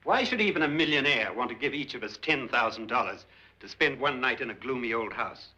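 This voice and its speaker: An actor playing a stern, logical doctor who questions deliberately and accusingly in a vintage suspense film. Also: male voice, mid-range voice, expressive, sharp tone. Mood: grave. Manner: deliberate, interrogating. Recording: dull old film soundtrack.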